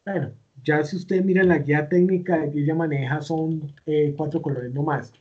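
A man's voice: a little high, fairly even intonation, normal speed, breathy edge, lo-fi sound. A man teaching a recorded online class, walking through each step patiently with many fillers and self-corrections. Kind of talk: recorded online class, screen-share tutorial.

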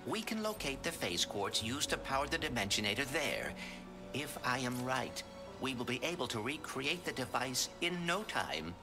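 Polite brainy little robot. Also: male voice, medium pitch, very animated, normal speed. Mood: calm, polite. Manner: precise, formal, mild. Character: small polite, brainy male robot sidekick. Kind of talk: animated video game dialogue. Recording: game music behind.

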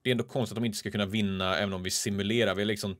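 A man from Sweden hosting a gaming channel, giving casual play-by-play commentary that swings from calm remarks to excited shouts. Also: fairly low pitch.

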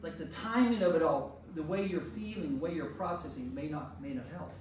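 Leading a small group's informal Bible study, this pastor speaks fairly quickly in a fairly high voice with a darkish tone. He keeps things conversational, repeating phrases for emphasis and questioning his listeners. The sound comes from a distant room mic in an echoey, noisy space.

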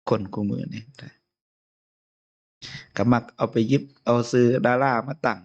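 A man's voice: mid-range voice, unhurried, creaky, highs cut off. A man with an Isan Lao accent giving an informal Buddhist sermon as abbot, chatty and chuckling often. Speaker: abbot giving a Dharma talk.

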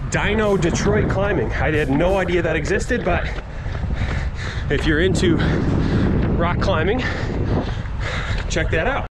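A man in his thirties with an American accent talks casually to his vlog camera while running, slightly winded. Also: fairly high pitch. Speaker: running vlogger. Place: outdoors on paths and sidewalks. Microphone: camera held at arm's length. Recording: outdoor action camera, noisy street ambience.

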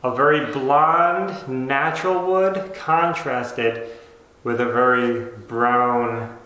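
A man in his thirties, working as a home renovation vlogger, talks casually to the camera and explains things. His mid-range voice sounds pushed and bright, and he draws his words out. He's indoors in an empty bedroom under renovation, and the bare room echoes heavily.

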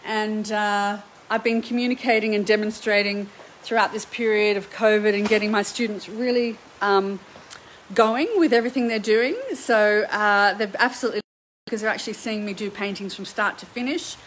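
A middle-aged Australian woman teaches art on a live stream. She talks in an upbeat, chatty way, and her voice sits at a middle pitch. A faint hum of noise is heard behind her. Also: steady tone, normal speed, a bit bright, poor audio. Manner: upbeat, chatty, greets viewers by name. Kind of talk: live stream chat to viewers. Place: home painting studio.

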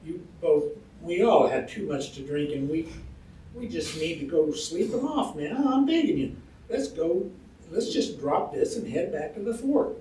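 A man's voice: on the high side, moderate pace, few pauses, warm tone, a little hiss or hum, pitched above the performer's own voice, close to an everyday voice. A man reading aloud while voicing a nervous soldier who pleads urgently with two men to stop a fight. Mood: pleading. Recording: roomy hall, distant mic, faint ambience.

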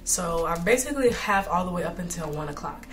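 Young woman vlogger, lowish voice, a bit hoarse, easygoing chatty slang. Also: lively intonation, fairly quick. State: slightly hoarse from illness. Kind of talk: casual chat to camera.

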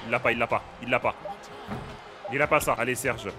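A young man playing a basketball video game, giving excitable, casual commentary, often shouting at the action and laughing. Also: mid-range voice, fairly quick, over music. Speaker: gaming streamer.

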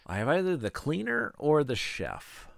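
A man's voice: on the high side, wildly swooping pitch, normal speed, vocal fry, no echo, studio quality. A man playing as a guest on a live game stream, chatting easily and musing over his choices. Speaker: guest player. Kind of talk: casual live game chat.

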